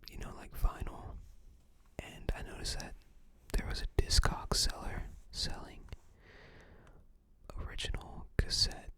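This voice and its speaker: Someone whispers breathily and softly for an ASMR video, taking a leisurely, stop-and-start approach while showing things.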